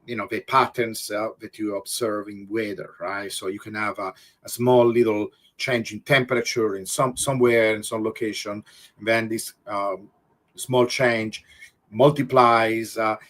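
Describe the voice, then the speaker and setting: A man with an Italian accent, a guest explaining ideas in conversation, halting often with fillers and restarts. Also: on the low side, steady tone, fairly bright tone. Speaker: guest physicist.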